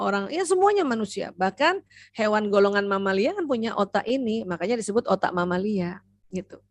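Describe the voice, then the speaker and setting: A woman doctor giving a seminar lecture to mothers, lively and talking straight to her audience. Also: mid-range voice, no room sound. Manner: lively, acts out parent and child voices; addresses the audience directly with frequent "ya".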